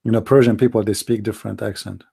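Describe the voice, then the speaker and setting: A man's voice: lowish voice, steady tone, fast, gravelly, warm tone, slightly rough. A man hosting a call-in religious debate show, firing off combative rhetorical questions in non-native English. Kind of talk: live-stream religious debate talk.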